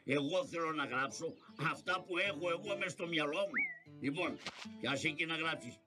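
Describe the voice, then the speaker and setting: A man in a comic shadow puppet play, talking in a bossy, put-upon tone. His voice sits a little high for a man, and music plays clearly underneath.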